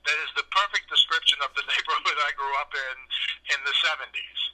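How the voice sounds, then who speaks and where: A man in his fifties from New York City, with a New York accent, tells long rambling stories full of fillers in casual podcast chat over a phone line. His voice is on the high side, fairly quick, pushed and bright.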